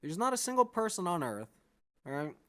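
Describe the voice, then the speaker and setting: Talking straight to his audience off the cuff, this male vlogger is blunt and foul-mouthed, repeatedly asking "all right?". He speaks in a high, sing-song voice, a touch fast and a little bright.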